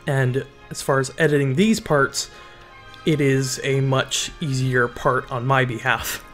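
A man giving relaxed, casual voice-over commentary on a Minecraft build, often pausing with ums and restarting sentences. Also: medium pitch, soft background music.

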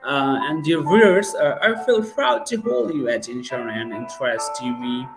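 A young man hosting a live English practice interview over a video call from a room at home, speaking haltingly with many fillers and repeatedly asking viewers to share. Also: mid-range voice, vocal fry, loud music behind the voice, rough recording. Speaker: host and teacher. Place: home room with starry painted wall. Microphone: webcam on video call.

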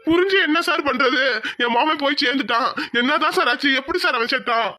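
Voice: high-pitched, fast talker, sharp tone. A grieving old cartoon village elder. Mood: mournful. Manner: mournful, fearful complaining. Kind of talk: cartoon voice acting.

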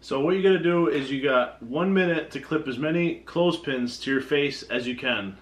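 A man's voice: mid-range voice, normal speed. A man in his thirties hosting a casual challenge vlog, talking in a kitchen a few feet from the camera. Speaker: video host. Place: indoor kitchen at a counter. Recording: echoey room, background noise.

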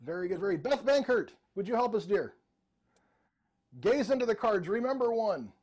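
A man's voice: high-pitched, sing-song, moderate pace, a little mellow, breathy edge. A middle-aged man performing jokey, interactive mind-reading magic patter as a showman, addressing participants by name. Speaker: virtual magician and mentalist. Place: indoor room with bookshelves, video call.

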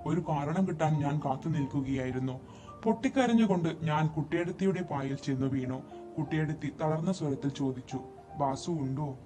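A man reading a short story aloud as narrator, telling it in an expressive, dramatic way. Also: on the high side, brisk. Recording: dull lo-fi recording, faint music behind.

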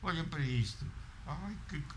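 A man's voice: on the high side, animated, moderate pace, background noise. A man talking casually at home, doting and cooing in baby talk. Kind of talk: casual home video chat.

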